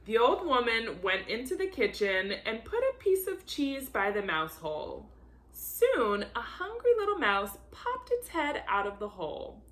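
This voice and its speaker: This volunteer storybook reader has a fairly high, slightly bright voice whose pitch swoops wildly. She reads a children's story in a theatrical way, stretching the repeated action words to emphasize them.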